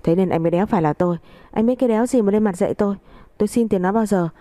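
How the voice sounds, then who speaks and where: A woman's voice: medium pitch, very fast, dark tone, dry recording, studio quality, close to an everyday voice. A woman voicing a rude, hot-tempered younger man who snaps back insolently at his family. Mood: defiant angry.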